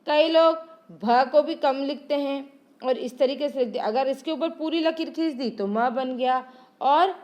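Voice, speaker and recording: A woman's voice: sits high, a little mellow. A woman teacher giving an exam-prep lesson, asking her own questions and answering them, stretching out example sounds. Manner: asks rhetorical questions and answers them herself; drawn-out, sung examples when calling out sounds.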